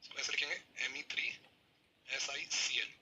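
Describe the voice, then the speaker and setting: An energetic male teacher lectures on chemistry at a rapid clip, always pushing his students to answer back. His voice sits high and sounds very bright and cutting, with a faint hiss of noise behind it. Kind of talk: classroom lecture.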